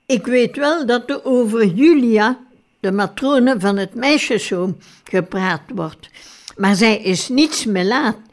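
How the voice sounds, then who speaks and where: Woman voicing a nervous, shouting male doctor. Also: mid-range voice. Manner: shouting, pleading. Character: agitated, nervous male doctor defending himself.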